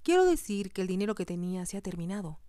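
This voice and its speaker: A woman's voice: medium pitch, sing-song, fast, dark tone, no echo, studio quality, close to an everyday voice. A woman voicing a haughty, hostile stepmother who speaks in a cold, curt and scornful way.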